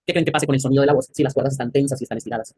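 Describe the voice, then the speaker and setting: A man's voice: medium pitch, steady tone, rapid-fire, a little mellow, breathy edge, dry recording. A man with a Mexican accent teaching an anatomy class, quizzing his students and joking in crude slang. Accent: Mexican Spanish. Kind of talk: classroom lecture.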